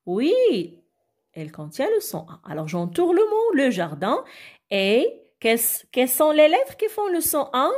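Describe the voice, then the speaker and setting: A woman teaching young children to read, speaking slowly and repeating each word with care. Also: high-pitched, huge pitch swings, darkish tone. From Arabic-speaking country. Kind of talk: reading lesson for young children.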